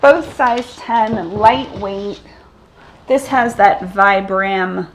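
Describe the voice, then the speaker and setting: A woman's voice: medium pitch, extremely slow, a little hiss or hum. A woman hosting a casual chat as a thrift reseller, talking through items and their sizes and laughing easily. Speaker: thrift reseller and channel host.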